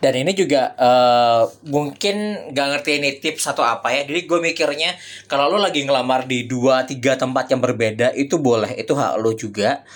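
A man co-hosting a casual podcast. He gives career advice in a relaxed way, mixing slang with English words. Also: mid-range voice, moderate pace. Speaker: podcast co-host.

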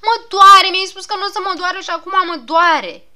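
A woman voicing a brash little male gnome who yelps and complains loudly in a storybook reading. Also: very animated, exaggerated voice. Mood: whining. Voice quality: shrill, yelping. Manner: loud and complaining.

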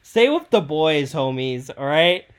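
A young woman hosting a joking podcast chat, loud and bossy, laughing often. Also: deep voice, sing-song, unhurried. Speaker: podcast host.

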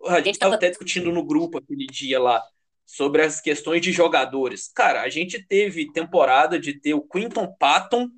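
Speaking with a Brazilian Portuguese accent, this high-pitched, slightly bright-sounding man is an American football fan commentator who talks sports in a casual, heated way at a moderate pace. Expressive and emphatic, he leans on slang, swears a lot, and repeats phrases for emphasis.

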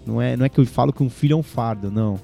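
A Brazilian man talking casually as a podcast guest, telling animated, slangy stories. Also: medium pitch, very fast, vocal fry, faint music behind. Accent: Brazilian Portuguese. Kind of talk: casual chat.

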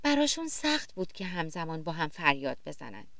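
A woman narrating a children's story gently and expressively, sometimes speaking straight to the young listeners. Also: sits low, very animated, gravelly, no echo.

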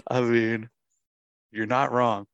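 A man's voice: mid-range voice, steady tone, drawn-out words, fairly bright tone, clean tone, no echo. A man from Florida co-hosting a podcast, chatting in an easygoing, rambling way. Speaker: podcast co-host. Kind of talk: casual chat.

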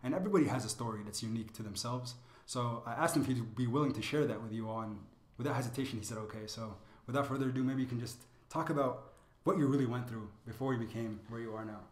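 A man's voice: mid-range voice, fast, reverberant. A man hosting a podcast and introducing his guest in a friendly, upbeat way. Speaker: podcast host.

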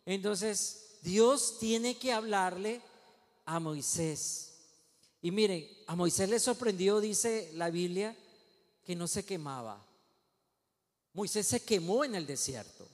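A male pastor with a high voice preaches a sermon. He swings from ringing, raised calls down to low, hushed passages. His voice carries a long hall reverb. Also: animated, slow.

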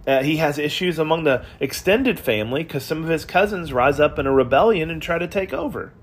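A man hosting a podcast Bible study, teaching in a relaxed conversational way and retelling scripture in everyday words. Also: on the high side, fairly quick, breathy edge.

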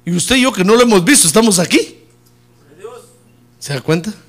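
A middle-aged male pastor preaching a sermon with humor, swinging from loud emphatic peaks down to low soft asides. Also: lively intonation, normal speed. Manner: preaching with humor, rising loud on key points and dropping low and soft on "hermano".

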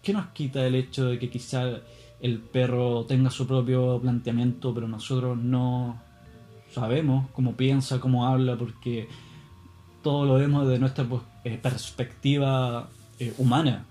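A man's voice: mid-range voice, flat delivery, a little slow, dark tone, soft background music. Rambling, profane man. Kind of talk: casual monologue.

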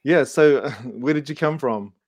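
A man hosts an interview, calm and measured. His voice sits at a middle pitch and is recorded dry, with no room sound. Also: no echo. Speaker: host. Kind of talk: interview, podcast host.

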